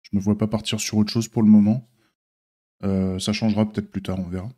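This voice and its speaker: A man's voice: lowish voice, little pitch movement, a little fast, warm tone. A man with a slight lisp and slushy s sounds, giving a casual unscripted stream update in an informal, hesitant, thinking-aloud way. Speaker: streamer and software developer.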